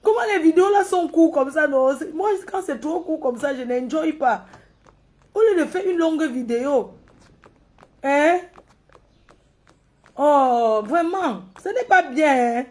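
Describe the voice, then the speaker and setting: Woman, Cameroonian French accent, high and unhurried, teasing scolding commentary. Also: animated, a little mellow. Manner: mocking and scolding, laughing often. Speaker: social media commentator. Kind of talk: casual live commentary.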